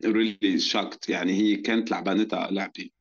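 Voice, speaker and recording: A man's voice: low-pitched, fairly even intonation, fairly quick, highs cut off. A man with a Levantine Arabic accent in casual chat, slipping often into English slang. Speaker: guest.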